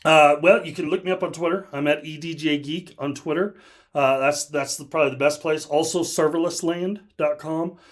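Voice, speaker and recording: Animated, laughing man telling stories. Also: on the high side, normal speed. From United States. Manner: animated storyteller, laughs often, many restarts. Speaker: guest. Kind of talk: casual podcast chat.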